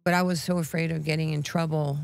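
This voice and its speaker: A woman with a New York accent, a guest telling animated, street-tough stories with lots of acted quotes. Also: deep voice, fast talker, gravelly. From New York, USA. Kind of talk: casual storytelling.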